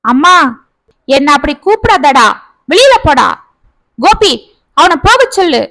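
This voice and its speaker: A woman's voice: high voice, normal speed, dry recording. A woman voicing a fierce loving village mother. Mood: angry. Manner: scolding, shouting at times.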